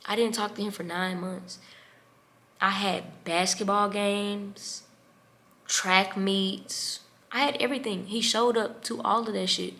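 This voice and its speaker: A young woman vlogger telling a personal story in an emotional, animated way. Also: medium pitch, unhurried. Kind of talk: storytime vlog.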